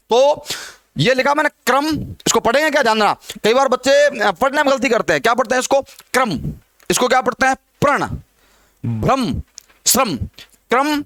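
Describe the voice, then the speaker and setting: A man's voice: extremely high pitch, a bit bright, dry recording. A man teaching a Hindi grammar lesson who keeps asking questions and answering them himself, repeating the key words.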